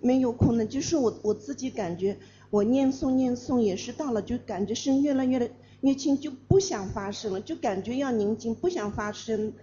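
A woman student asks her teacher a question very slowly and hesitantly, filling pauses and restarting as she goes. Her voice is mellow and somewhat high, and the recording is dull with faint noise behind. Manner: hesitant, many fillers and restarts. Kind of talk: audience question.

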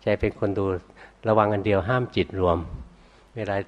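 An older male monk teaching meditation, with a somewhat low voice. He speaks calmly and without hurry, and softens his phrases as he answers questions one after another. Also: lo-fi sound. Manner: calm, unhurried, ends phrases with a soft particle; hard of hearing.

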